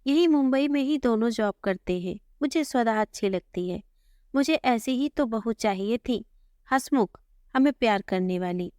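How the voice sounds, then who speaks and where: A woman narrating a first-person family story in a gentle, conversational way, voicing the dialogue in her own tone. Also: fairly high pitch, expressive, measured pace, clear, resonant tone, dry recording, studio quality.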